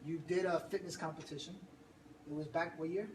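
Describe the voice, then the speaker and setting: This fitness coach pumps up his group with an energetic motivational talk, laughing a lot as he goes. His voice sits on the high side and he talks fairly quickly. He's captured from a distance in a noisy, reverberant room.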